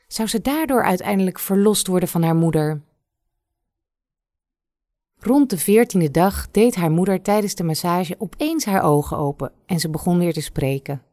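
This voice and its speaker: A woman narrating a fairy tale in a slow, measured storytelling voice. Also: on the low side, mellow, no room sound, clean studio sound.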